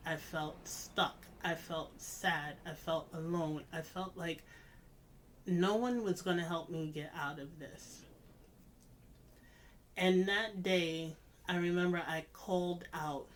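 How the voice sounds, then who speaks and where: A vlogger telling a personal story in a reflective, confessional way, with deliberate, halting phrasing and emphatic repetition. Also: mid-range voice, a bit bright, slight background noise.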